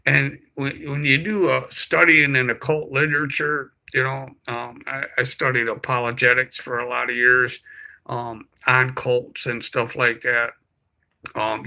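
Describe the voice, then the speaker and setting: A man talking to camera at home, halting, with many fillers and restarts. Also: medium pitch, bright, forceful tone, low-quality recording. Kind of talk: casual monologue to camera. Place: indoors at home, beside a window.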